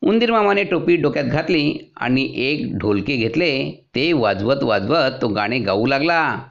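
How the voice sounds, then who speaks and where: A man narrating a children's story in a lively storytelling manner. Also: medium pitch, a little slow, vocal fry, highs cut off.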